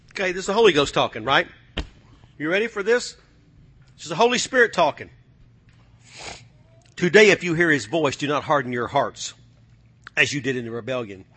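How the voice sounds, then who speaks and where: A man preaching a sermon, swinging from low, quiet passages to shouted, fiery calls to the congregation. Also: animated, normal speed, long pauses, slightly rough.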